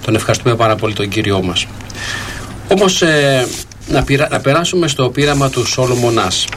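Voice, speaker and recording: Measured, preacherly male radio host. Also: medium pitch, animated, a little hiss or hum. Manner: measured, preacherly, with frequent hesitations. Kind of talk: religious radio talk.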